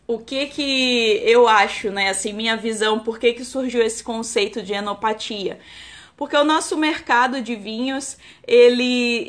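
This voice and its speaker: A woman in her thirties from Rio with a Carioca accent, an enologist talking casually on a live stream and padding her talk with fillers. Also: fairly high pitch. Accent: Carioca Brazilian Portuguese. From Rio de Janeiro, Brazil. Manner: chatty, many "né" and "tá" fillers, restarts.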